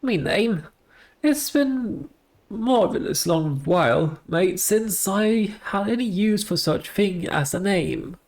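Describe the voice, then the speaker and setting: A woman's voice: mid-range voice, animated, slow pace, darkish tone, pitched above the performer's own voice. A woman voicing a cheery male ghost gardener who has lost his head, talking in rustic working-class slang.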